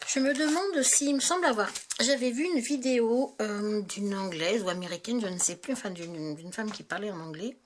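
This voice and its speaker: A woman's voice: mid-range voice, normal speed, hardly any pauses. Chatty, hesitant woman host, faint hiss. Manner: chatty, hesitant, searching aloud with many restarts. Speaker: tarot video host. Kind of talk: casual spoken deck review.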